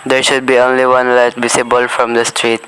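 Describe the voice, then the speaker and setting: Boy voicing a flat, bright-toned crook giving orders, faint hiss. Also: medium pitch, brisk, lightly acted, rough recording. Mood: cold. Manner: cold, flat, businesslike. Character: cold criminal man ordering a murder.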